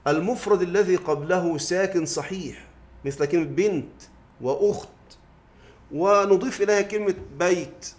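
Give me a man with a slightly high voice, teaching grammar and quizzing his students. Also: normal speed. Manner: asks the class questions then answers them. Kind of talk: classroom lesson explaining verse. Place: mosque study circle.

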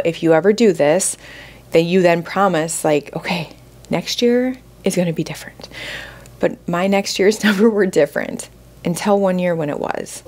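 A woman podcast host in her forties speaks with a somewhat low voice. She talks candidly and casually, sprinkling in "like" as she shares a heartfelt personal story. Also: darkish tone. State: close to tears at moments.

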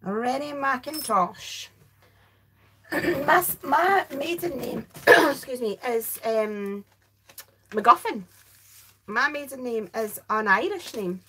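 A tired middle-aged Scottish woman hosts a crafting livestream, rambling chattily and interrupting herself as she crafts and reads viewer comments. Her high voice is expressive and slow with long pauses, and crowd noise sits in the background. An overhead camera above her craft desk picks up the sound.

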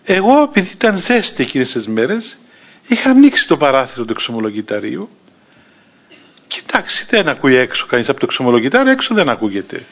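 A man in his sixties with a Cypriot Greek accent, an Orthodox bishop telling a story in a sermon and acting out the voices of the people in it. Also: mid-range voice. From Cyprus. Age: 60s. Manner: lively anecdotal telling, acting out quoted voices, chuckling. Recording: dull lo-fi recording.

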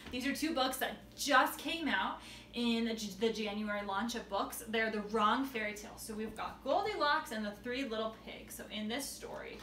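In a casual showcase, a young children's book seller chats about her books and reads lines aloud playfully. She has a mid-range voice, and the recording carries a roomy echo over a noisy background.

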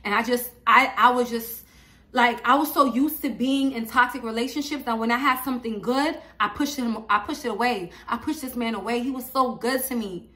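A woman's voice: fairly high pitch, normal speed, bright, forceful tone. A woman sharing her own story and giving faith-based advice in an emphatic, preachy way, repeating her phrases. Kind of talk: personal testimony and faith advice.

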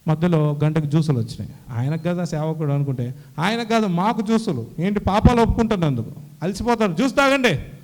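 A man's voice: fairly high pitch, quick pace, a little mellow. A young man giving an emotional church testimony, acting out the dialogue he recalls. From Kadapa, Andhra Pradesh. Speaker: testimony giver.

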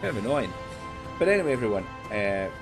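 A man's voice: on the low side, big pitch swings, quick pace, over music. A man giving casual let's-play commentary, rambling and thinking aloud with the odd swear word. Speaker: game streamer.

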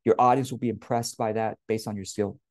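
This business coach, a man in his late forties with a Californian accent, speaks directly to listeners with relaxed advice and informal emphasis. His voice is on the low side, fairly even and a little fast, with a dry, studio-quality sound captured by a wired earphone headset on a webcam in a small home room.

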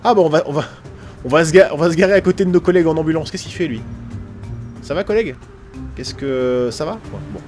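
A man with a French accent giving casual, excitable commentary on a police game, swearing often and laughing. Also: a little high, fast talker, long pauses, faint music behind. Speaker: gaming YouTuber.

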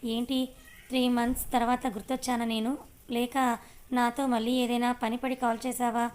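A woman's voice: on the high side, level tone, normal speed, darkish tone, clear, resonant tone, close to an everyday voice. A woman voicing a scheming young male villain who speaks in a sneering, mocking way.

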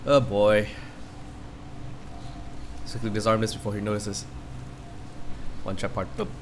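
This man's voice is lowish and level, his pace measured, with slight hiss or hum behind it. He's a let's play host, congested from a cold, chatting casually and reacting in a rambling way to the horror game he's playing as he talks to the screen.

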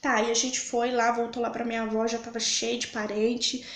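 A woman's voice: on the high side, little pitch movement, normal speed, reverberant. A young Brazilian woman vlogger telling a personal story in a conversational way, often adding "sabe" and "gente".

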